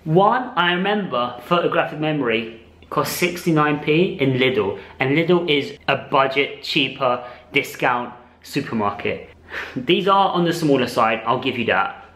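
A man's voice: medium pitch, animated, a little slow, fairly bright tone. Chatty man in an echoey room. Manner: chatty, enthusiastic, laughs often. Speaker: vlogger. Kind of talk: casual vlog chat.

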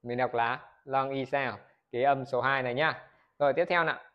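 A man's voice: mid-range voice, steady tone, moderate pace, clear, resonant tone, dull audio. A Vietnamese man teaching English pronunciation in a video lesson. He keeps asking the viewers questions, answers them himself and models words for them to repeat.

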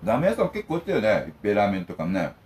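A man's voice: fairly low pitch, huge pitch swings, racing, darkish tone. A middle-aged man from Okinawa, hosting a food vlog and chatting casually while eating, telling wandering, jokey stories.

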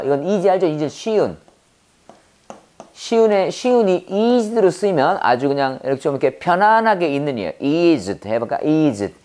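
A woman's voice: low-pitched, a little mellow. A woman teaching English vocabulary in a lecture, repeating each word and using playful sound-alike puns.

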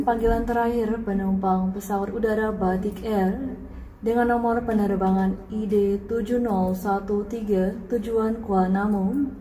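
A woman giving formal airport boarding calls over a PA system in a slow, measured announcing manner. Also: medium pitch, mellow. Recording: echoey, faint background hiss.

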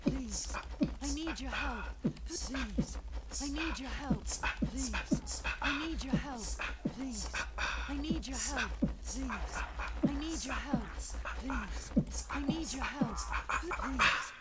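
A woman voicing a desperate stranger in a video game who keeps begging for help in a soft, pleading way. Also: sits high, takes it slowly, long pauses, heavy background noise. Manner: pleading, repeating herself. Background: loud game music.

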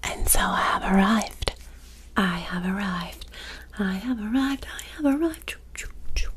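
A young adult woman in a whispered role-play as a reiki healer, speaking breathily and close to the microphone in fast, insistent ASMR with commanding, rapidly repeated words. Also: mid-range voice, animated, a bit bright, a little hiss or hum. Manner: commanding, directing the listener to focus. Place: small dark room indoors. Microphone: close desk microphone.

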